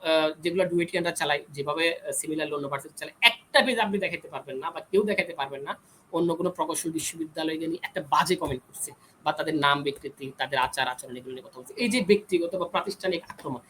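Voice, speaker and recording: A man's voice: fairly high pitch, quick pace, a bit bright, slight background noise, low-quality recording. A young man speaking as a guest on a discussion panel, arguing his side insistently and refusing to be cut off. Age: young adult. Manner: insistent, argumentative, pushes back when cut off. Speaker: panel guest, engineering student. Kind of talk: heated panel debate.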